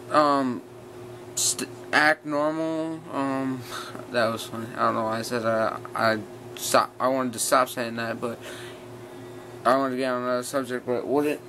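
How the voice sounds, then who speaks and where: Bright-voiced young man talking through a retainer. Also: medium pitch. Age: teens to young adult. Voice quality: speech slightly slurred by a retainer in the mouth. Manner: rambling, blunt. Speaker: vlogger. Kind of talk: casual rant to viewers. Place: small bedroom, sitting on bed. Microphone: built-in device mic at arm's length. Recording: clear steady fan noise, bedroom ambience.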